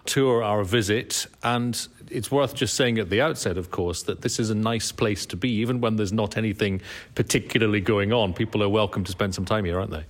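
A man hosting a radio interview while walking a guest through a building, chatty and brisk. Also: fairly low pitch. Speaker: radio host.

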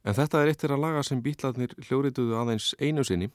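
A man narrating a radio documentary in a measured, informative way. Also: medium pitch, no echo, studio quality. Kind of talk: scripted narration.

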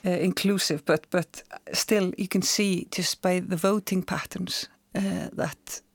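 A woman's voice: fairly low pitch, steady tone, measured pace, slightly rough, no echo. A woman, an author and journalist, speaking thoughtfully in an interview and often repeating words as she searches for them. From Iceland. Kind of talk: conversational interview.

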